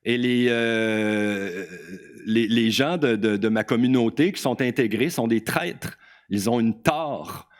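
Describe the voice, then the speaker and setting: A man's voice: medium pitch, slow pace. A man with a Québécois French accent giving a conference talk, speaking informally, repeating words and often tagging "là". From Quebec. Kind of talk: conference talk quoting testimonies.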